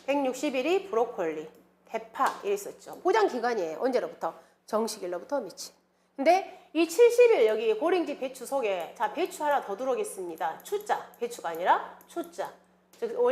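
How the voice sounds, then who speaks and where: 암기법을 리듬감 있게 외우고 수시로 질문을 던지며 강의하는 중년 여성 강사. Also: female voice, on the high side. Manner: lively, sing-song mnemonic chanting, rhetorical questions. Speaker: exam prep lecturer. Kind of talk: classroom lecture with mnemonics.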